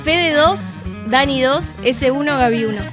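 A woman's voice: high-pitched, measured pace, music in the background. A woman chatting casually and a bit hesitantly in a group game. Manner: hesitant, chatty, often laughing.

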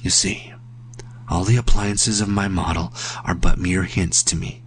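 A sorrowful, haunted painter murmurs in a hushed, slow whisper, as a man reads him out. The voice sits low and gentle, like a storybook figure confiding a dark secret. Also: fairly even intonation, slight background noise.

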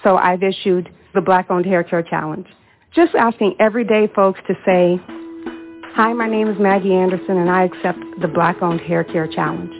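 A woman's voice: fairly low pitch, steady tone, normal speed. A woman speaking earnestly and persuasively as a guest, calling listeners to take up a challenge. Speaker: guest, business challenge founder. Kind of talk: speech clip on radio show. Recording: phone-like sound with faint music.

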